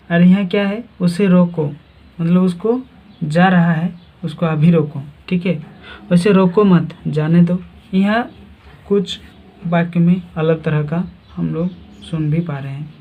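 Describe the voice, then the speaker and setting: A teacher giving a grammar lesson, asking questions and then answering them. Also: mid-range voice. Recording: tinny phone-like sound.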